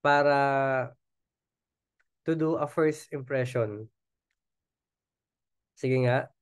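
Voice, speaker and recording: A man's voice: mid-range voice, no echo, studio quality. A man with a Filipino accent running a casual sales training, chatty and coaxing, always checking in with his listeners. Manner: keeps asking the audience "di ba?", chatty and coaxing. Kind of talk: casual Taglish training talk.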